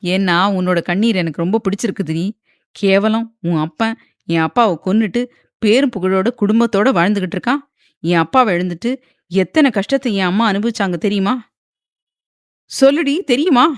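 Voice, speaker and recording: A woman narrator voicing an arrogant young husband who taunts, threatens and shouts at his wife in an audiobook romance. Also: medium pitch, moderate pace, dry recording, studio quality, lightly acted. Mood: angry. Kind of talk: audiobook character voice.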